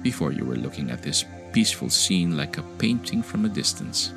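Meditation guide, male: very low, gravelly voice, soothing sleep-story delivery, unhurried. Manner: unhurried, calming, gentle instruction. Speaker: meditation podcast host and guide. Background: music behind the voice.

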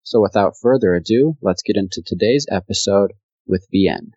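A man's voice: on the low side, moderate pace, mellow, no echo. Man hosting, dry muffled sound. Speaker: podcast host. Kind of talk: scripted intro and interview questions.

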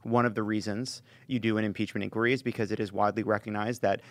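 A man explaining politics in a panel discussion, rephrasing haltingly as he reasons. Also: on the low side, little pitch movement, no echo.

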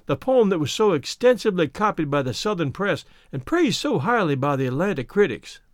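A man's voice: sits high, very animated, a little fast, no echo, studio quality. A male narrator playing a gallant, old-fashioned colonel who speaks in ornate, formal phrases. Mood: explaining.

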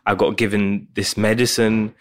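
A man, speaking as a comedian guest on a podcast. He tells his stories animatedly and slips jokes in as he goes. His voice sits a little low for a man. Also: moderate pace. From Pakistan, raised in England. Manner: animated, joking storyteller. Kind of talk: casual interview chat.

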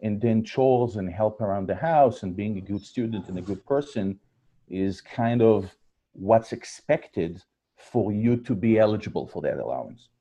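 On a podcast, a startup founder in his forties with an Israeli accent tells stories about his family, using many fillers and restarts. His fairly low voice is warm and slightly rough, and he talks at a normal speed.

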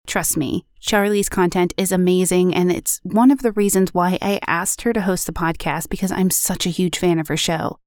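A woman's voice: lowish voice, steady tone, normal speed, few pauses, a little mellow, dry recording, clean studio sound. A woman hosting a podcast, reading an announcement straight to her listeners. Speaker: podcast host.

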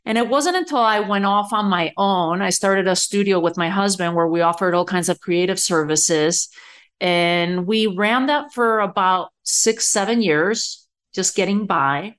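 A woman's voice: medium pitch, a little slow, fairly bright tone. A middle-aged woman from Spain, a guest telling her story in a casual interview. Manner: conversational, many fillers. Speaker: podcast guest, entrepreneur.

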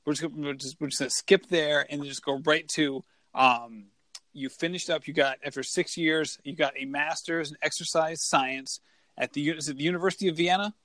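He hosts a running podcast, bringing enthusiasm and a bit of rambling to a casual interview as he introduces his guest. His voice is fairly high, steady, and sharp, at normal speed with no echo.

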